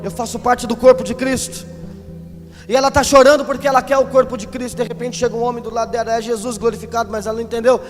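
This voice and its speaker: A pastor preaching a sermon in church, moving from quiet teaching to impassioned shouting. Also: male voice, very high-pitched, flat delivery, fast talker. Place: large church. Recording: live church recording with long hall reverb and music.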